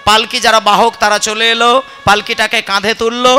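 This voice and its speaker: A man's voice: sits high, flat delivery, brisk, pushed and bright. A man with a Bengali accent telling a devotional story in kirtan style, acting out the characters and breaking into chanted song. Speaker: kirtan singer. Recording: with musical accompaniment.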